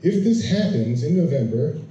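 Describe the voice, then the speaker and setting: A man moderating a forum, reading out a question in a measured, formal way. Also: fairly high pitch, big pitch swings, mellow, a little hiss or hum. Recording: very echoey, distant, dull sound.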